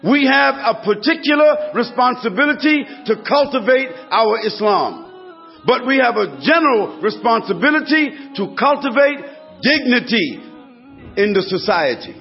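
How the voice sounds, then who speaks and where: A man's voice: very high-pitched, lively intonation, moderate pace, creaky. A man preaching a sermon to a congregation, building his points through emphatic repetition. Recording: dull lo-fi recording with faint music.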